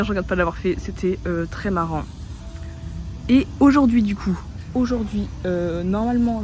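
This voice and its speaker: A woman's voice: medium pitch, slight background noise. A young woman from France talking to her phone in a casual travel vlog, chatty and self-mocking, with lots of fillers. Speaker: travel vlogger. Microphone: phone held by hand.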